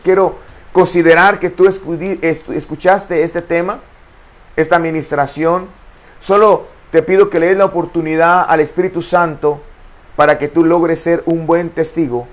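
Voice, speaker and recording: A middle-aged man preaching a sermon as pastor, impassioned and rising toward shouting at its peaks, often restarting his words. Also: a little high. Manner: restarts and stumbles over words.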